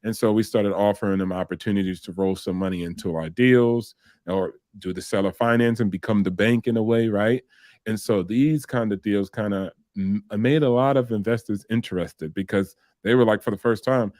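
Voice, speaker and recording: A man, a guest on an interview, telling his stories in a casual, animated way and acting out the people he quotes. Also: fairly low pitch, normal speed, no echo, studio quality. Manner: animated storytelling, acts out quoted voices with laughs. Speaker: interview guest, combat veteran in real estate.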